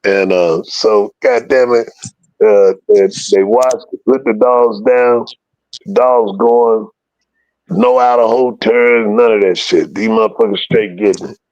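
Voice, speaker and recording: A man with a medium-pitched voice tells a story slowly in an interview, casual, animated, and full of profanity, acting out the voices of the people he quotes. The recording is dull, lo-fi, and dry, with no room sound.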